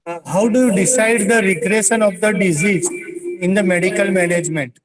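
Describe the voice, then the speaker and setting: A man's voice: high voice, fairly quick. Man on a far, echoing phone line. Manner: repeats his phrases. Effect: voice echoing back, heard over a phone from a hall. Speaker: webinar panelist asking an audience question. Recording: distant, echoing phone audio with loud crowd.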